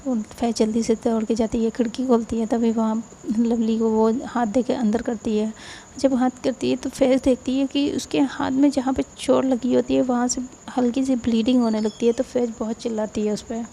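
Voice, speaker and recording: Creaky, mellow-toned woman storyteller. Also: fairly high pitch, level tone, normal speed, slight background noise. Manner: conversational, repeats and restarts phrases. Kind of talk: casual story narration.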